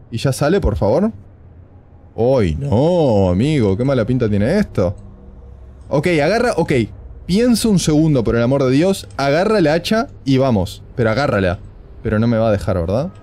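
A man's voice: mid-range voice, warm tone. A man doing horror game commentary for a gaming video, joking and nervous as he talks through the game.

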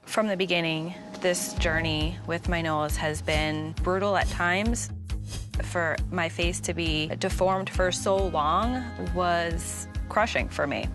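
A woman's voice: on the low side, slow pace. A young woman speaking earnestly and emotionally in a reality TV confessional. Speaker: patient. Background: background music.

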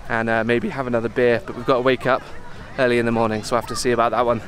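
A young man in his twenties, chatting in a relaxed, upbeat way as he vlogs outdoors with a camera held at arm's length. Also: mid-range voice, rapid-fire. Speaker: travel vlogger. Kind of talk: casual travel vlog. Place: outdoors in a park and jungle trail.

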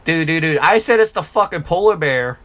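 A man chatting casually while gaming, excitable and swearing freely in banter with friends. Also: fairly high pitch, fairly quick. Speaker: gamer.

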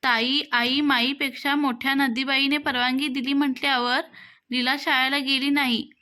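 A woman reading a children's textbook story aloud in an expressive, rhythmic way. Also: sits high, moderate pace.

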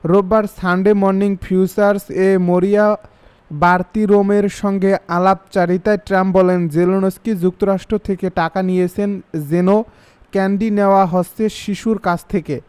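A man reading international news bulletins in an even, formal scripted manner. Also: high-pitched, moderate pace, smooth. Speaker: news reader.

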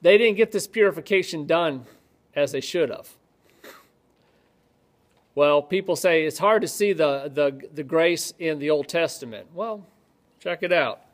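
A pastor with a fairly high-pitched voice teaches from the Bible at a measured pace, pausing often. He keeps things conversational with joking asides, then reads scripture aloud with rising emphasis. He's indoors in an office-like room lit by ceiling lights.

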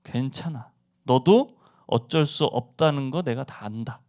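Man voicing gentle Jesus, soft, hushed, tender, forgiving, sermon quote. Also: mid-range voice, measured pace, natural voice.

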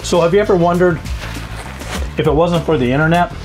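A man's voice: fairly high pitch, a little fast, over music. Joking man asking short questions. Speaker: interviewer. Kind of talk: casual interview chat.

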